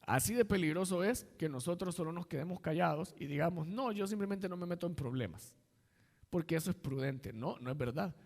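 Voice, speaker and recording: A man's voice: a little high, brisk, big-room sound. A man, an assistant pastor, preaching a sermon in a conversational way and weaving in personal stories.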